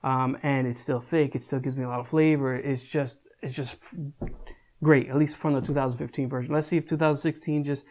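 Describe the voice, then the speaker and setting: Young man, casual beer review, chatty, loose and rambling, mid-pitched voice. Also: fairly even intonation, a little fast, a little mellow. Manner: chatty, loose, swears casually, lots of restarts.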